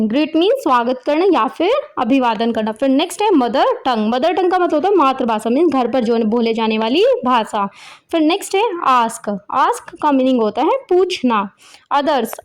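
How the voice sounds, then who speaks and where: A woman with an Indian accent teaching a children's English lesson. She reads the English lines very slowly, then explains each word in simple terms. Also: high voice, lively intonation.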